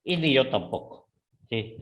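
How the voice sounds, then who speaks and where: A middle-aged man with an Ecuadorian Spanish accent teaching a live class, often checking in with his students and rising sharply in pitch on key words. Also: a little slow, low-quality recording. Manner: repeats "¿sí?" and "¿no es cierto?" to check on students; lively, with sudden rises in pitch.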